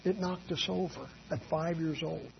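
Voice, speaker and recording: Man, pastor, sermon, folksy storytelling, husky voice, dull lo-fi recording. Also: fairly high pitch, normal speed. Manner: folksy storytelling, swings from quiet asides to loud emphatic peaks. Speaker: Baptist pastor.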